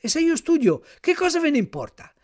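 A man voicing a cheeky, quick-tempered wooden puppet boy who speaks in a high, petulant way. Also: sing-song, a little mellow.

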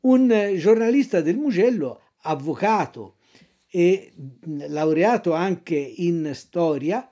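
A woman storyteller reading a classic tale aloud and sharing trivia, expressive and dramatic. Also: fairly low pitch, slow.

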